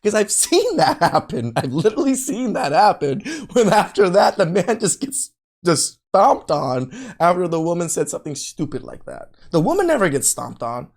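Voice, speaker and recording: A man's voice: high-pitched, very animated, moderate pace. Laughing male podcast co-host. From Long Beach, California. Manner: laughing, storytelling, emphatic. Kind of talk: casual chat.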